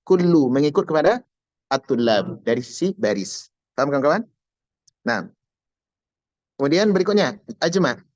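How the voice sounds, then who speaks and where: A man's voice: on the high side, sing-song, moderate pace, long pauses, darkish tone, dry recording, muffled recording. A man teaching an Arabic grammar class online, explaining patiently and repeating key words step by step.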